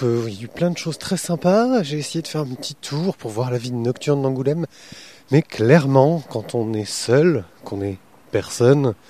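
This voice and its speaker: A man's voice: mid-range voice, dark tone, a little hiss or hum. A man hosting a podcast, interviewing a comic artist at a festival and then chatting about his day there with many fillers.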